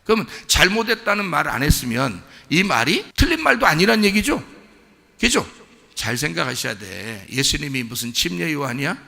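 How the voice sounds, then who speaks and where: A man's voice: a little high, sing-song, normal speed, vocal fry, sharp tone, in a large hall. A man preaching a sermon as pastor, talking with the congregation and asking them questions. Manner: conversational, asks the congregation questions. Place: church sanctuary.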